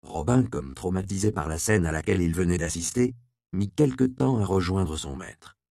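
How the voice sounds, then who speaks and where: A man reading a novel aloud as the narrator, in a measured storytelling manner. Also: low voice, vocal fry, dark tone, dry recording, clean studio sound. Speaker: audiobook narrator. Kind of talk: scripted narration.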